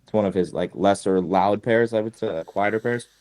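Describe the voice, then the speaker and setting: A man's voice: on the low side, a little fast, darkish tone, no room sound. A man speaking as a guest in a casual podcast chat, easygoing and hesitant with fillers like "uh" and "like".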